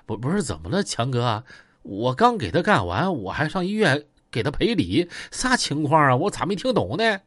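A man's voice: on the high side, very animated, moderate pace, fairly bright tone, no room sound, studio quality. A man voicing a cautious, polite ex-con who talks in a pleading, deferential way, with a Northeastern Chinese accent.

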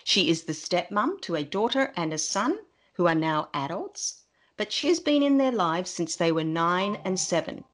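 A woman's voice: on the low side, animated, normal speed. A woman speaks as a podcast host, introducing and interviewing a guest.

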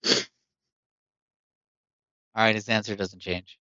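A man's voice: lowish voice, flat delivery, takes it slowly, bright, forceful tone, no room sound, dull audio. A man narrating a tabletop game as game master, describing events and answering players.

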